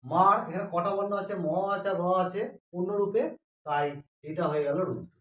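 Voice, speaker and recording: High-pitched male teacher, quizzing style, recorded from a distance. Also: brisk, fairly bright tone. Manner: asks questions and answers them himself. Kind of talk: classroom grammar lesson. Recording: echoey room, mic far off.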